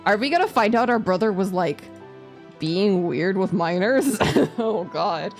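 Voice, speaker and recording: Over background music, this female streamer reads visual novel dialogue during a let's play and adds offhand remarks with some swearing. Her pitch is medium, her intonation lively, and she keeps a measured pace.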